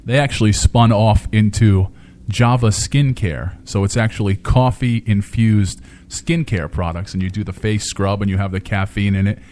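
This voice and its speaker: A man co-hosting a casual local radio show, telling things in a relaxed, steady way and laughing along. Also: lowish voice, moderate pace, a little hiss or hum. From Rhode Island. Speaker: radio co-host.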